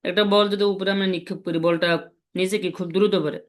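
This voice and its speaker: A man teaching a language lesson, patiently explaining and repeating example syllables slowly. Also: sits high, little pitch movement.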